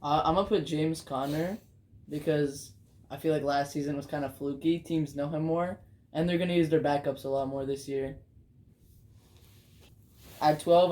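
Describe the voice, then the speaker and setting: A man's voice: fairly high pitch, steady tone, moderate pace, warm tone. Teasing young man in casual sports chat. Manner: teasing, filler-heavy. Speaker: co-host ranking players.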